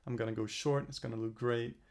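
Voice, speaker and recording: Gravelly, flat-toned young man vlogging. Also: mid-range voice, fast. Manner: rambling, self-correcting, earnest. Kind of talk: casual self-reflective vlog.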